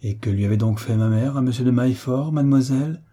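An innocent, trusting young lady who speaks earnestly and plaintively, as a male reader takes her lines. Her voice comes out dark and soft, with a husky grain. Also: mid-range voice, quick pace, natural voice.

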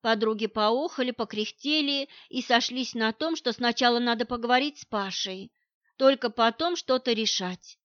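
A woman tells a first-person story as audiobook narration, lively and expressive. Her voice is fairly high and sounds dry and close. The recording is dull and lo-fi. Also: moderate pace, no room sound.

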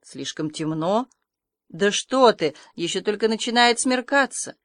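A woman's voice: mid-range voice, moderate pace, a bit bright, no room sound, close to an everyday voice. A stern, dry older spinster, as a woman reader puts her on gives short, ironic rebukes. She sounds curt and matter-of-fact. The sound is close and dry. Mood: brisk.

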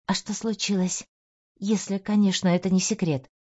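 An earnest young woman from an audiobook speaks in a lively, raised voice, as a woman reader plays her. Her tone is warm and mellow. The recording sounds dull and lo-fi. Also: mid-range voice, moderate pace, natural voice. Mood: eager, earnest.

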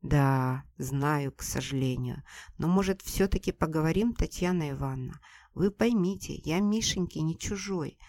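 A woman narrator voicing a patient young ex-husband who pleads quietly and with restraint. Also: low-pitched, moderate pace. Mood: pleading.

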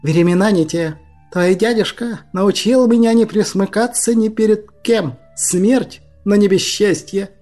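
Sykoh, a man voicing a shrill swamp dragon. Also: a little slow, dark tone, faint music behind. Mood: defiant. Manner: shrill, mocking, defiant. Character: small proud swamp water dragon, cheeky and bold. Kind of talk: audiobook character voice.

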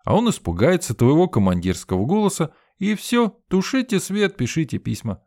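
A man's voice: a little high, big pitch swings, normal speed, creaky, darkish tone, no room sound, pitched above the performer's own voice. A male reader voicing a young male student who teases in a mock-serious way, close to his own voice. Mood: teasing. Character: joking young male student, teasing and sly.

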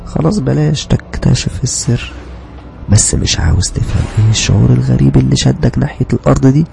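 A man's voice: medium pitch, lively intonation, fast talker, vocal fry, over music, pitched above the performer's own voice. A man with an Egyptian accent voicing the stern, taunting inner voice of a frightened narrator in a horror story, half-whispered. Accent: Egyptian Arabic.

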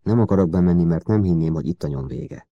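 A man voicing a calm, measured male intelligence officer in an audiobook. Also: sits low, dry recording, dull audio. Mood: firm.

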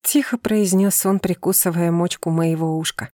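Mellow-voiced woman reading an audiobook. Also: lowish voice, no room sound, studio quality. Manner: calm, measured reading. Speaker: audiobook narrator. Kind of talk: scripted first-person narration.

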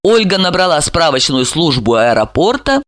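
A woman narrating an audiobook in an expressive storytelling manner. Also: deep voice, normal speed, no room sound, clean studio sound. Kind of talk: scripted narration.

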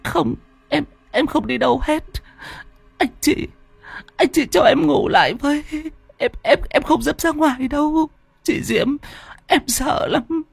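A man voicing a terrified young woman who pleads in a shrill, stammering voice in a spoken horror story. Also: unhurried, creaky, no room sound, soft background music, full character voice.

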